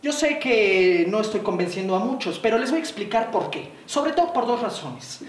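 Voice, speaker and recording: Mexican man, storyteller, playful and dramatic, roomy sound, a bit far from the mic. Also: very animated. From southern coast of Mexico. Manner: dramatic, playful, swings pitch and slows for effect. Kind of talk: storytelling for young people. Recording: roomy, distant mic, faint noise.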